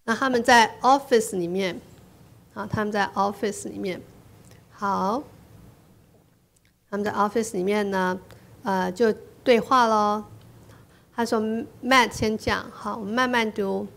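Chatty woman English teacher, gravelly edge. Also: medium pitch, steady tone, a bit bright. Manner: chatty, tacks a drawn-out "ha" onto phrases; repeats phrases slowly for the listener to echo. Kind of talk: bilingual classroom-style English lesson.

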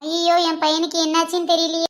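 Woman as a fussing village mother, very high bright voice, scolding, wailing, comic skit. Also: monotone, fast talker.

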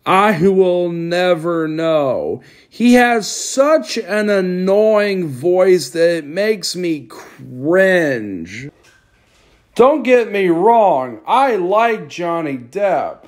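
A young man reviewing a film in a casual, blunt, complaining way. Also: high-pitched.

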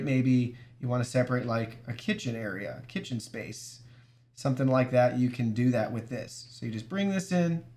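A man giving a relaxed, casual walkthrough of an app as a product reviewer, chatting directly to his viewers. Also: mid-range voice. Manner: easygoing, talks to viewers as "guys".

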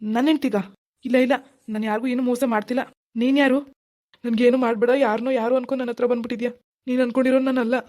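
A woman's voice: a little high, flat delivery, quick pace, a little mellow, close to an everyday voice. A woman voicing a lazy, bossy husband in a cartoon, who turns panicky when frightened. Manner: bossy, then panicky and pleading. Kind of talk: animated cartoon voice acting.

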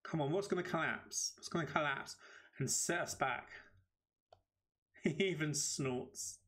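British male game streamer with a slightly high voice, chatty and excitable as he reacts to his game live. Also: unhurried. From United Kingdom. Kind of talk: live gameplay commentary.

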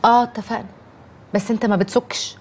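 A woman's voice: a little high, fairly even intonation, fast talker, background noise, close to an everyday voice. An actress with an Egyptian accent playing a young wife who coaxes her husband and soothes her mother. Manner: coaxing, soothing, mildly reproachful. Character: chatty young wife, coaxing peacemaker. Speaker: wife and daughter.

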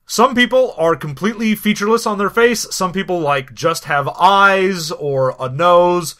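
Male podcast co-host with a bright, higher voice and a dry, easygoing delivery. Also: normal speed. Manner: laid-back, explaining, dry asides. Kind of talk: casual comedic chat.

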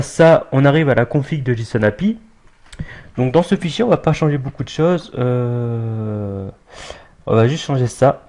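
A young man talks through a software setup on screen in a relaxed, offhand way. He hesitates often, restarts phrases and fills gaps with "euh". His pitch sits in the middle of the usual range for a man. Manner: casual, hesitant, many fillers and restarts. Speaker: tutorial maker. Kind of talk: screen-recorded software tutorial.

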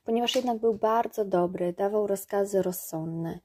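A woman narrating a storybook aloud in a calm, measured way. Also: medium pitch, slightly rough. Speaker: reader. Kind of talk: audiobook narration.

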